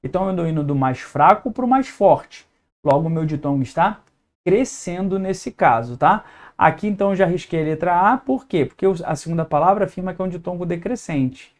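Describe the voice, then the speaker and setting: A man's voice: high-pitched, animated, brisk. A man with a Brazilian Portuguese accent teaching an exam-prep lesson at a whiteboard, explaining step by step and checking in with his students.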